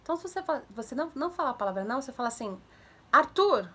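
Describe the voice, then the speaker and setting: A young woman casually giving parenting advice to viewers, animated, acting out commands in a raised voice. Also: sits high, racing, husky. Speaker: mother sharing parenting tips.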